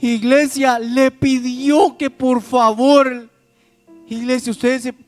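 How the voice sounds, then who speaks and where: A man's voice: very high voice, little pitch movement, slow pace. A man preaching a pentecostal sermon, calling out to the congregation with questions. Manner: addresses the congregation as "iglesia", asks questions to the crowd. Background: instrumental music.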